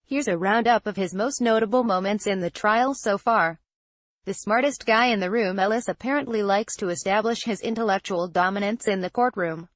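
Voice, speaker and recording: Woman giving a steady scripted news read, dry. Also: mid-range voice, moderate pace, dry recording. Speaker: news narrator.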